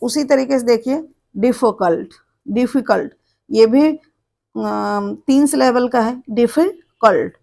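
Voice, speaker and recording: A woman teacher walks through grammar rules at an unhurried pace, spelling each word out letter by letter and saying it again. Her voice sits a little high and carries a gravelly edge. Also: mellow. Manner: slow, spells words letter by letter and repeats them. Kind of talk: board lesson, explaining step by step.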